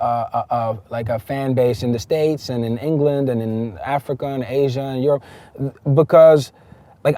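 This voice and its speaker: A man's voice: medium pitch, mellow, no room sound. A man, a rapper raised in the Netherlands, talking casually in an interview, emphatic and loose, with many fillers and restarts.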